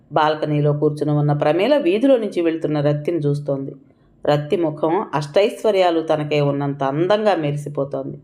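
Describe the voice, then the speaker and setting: A woman's voice: low-pitched, mellow. A woman narrating a story as an audiobook, reading with feeling and taking on the characters' cries and pleas.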